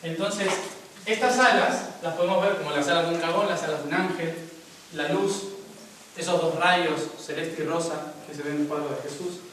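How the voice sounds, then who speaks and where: A man's voice: fairly high pitch, moderate pace, a bit bright, a little hiss or hum. A young man, giving a spiritual talk to a live audience and explaining step by step while often checking in with his listeners. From Argentina. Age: young adult. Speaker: spiritual speaker. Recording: very echoey room, mic far off.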